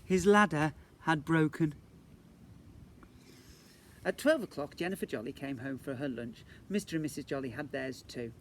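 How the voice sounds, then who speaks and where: Speaking at a normal speed with long pauses, a teacher with a slightly high voice reads aloud to young children in a garden. He keeps things playful by adding questions and asides along the way. Faint noise from outside is audible.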